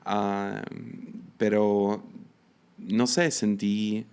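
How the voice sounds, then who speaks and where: A man's voice: fairly low pitch, level tone, extremely slow, vocal fry, a little mellow, smooth. A man in his thirties with a Mexican Spanish accent, hosting a solo podcast in a casual, hesitant way with many fillers and restarts. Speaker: podcast host and missionary.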